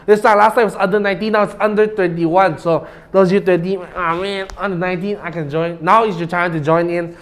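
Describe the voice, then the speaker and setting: Malaysian man, fairly high-pitched, for casual esports co-commentary; Malaysian accent, chatty, sprinkles in local "lah" particles. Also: steady tone, a little fast, few pauses. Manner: colloquial, uses 'lah' particles. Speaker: esports tournament caster.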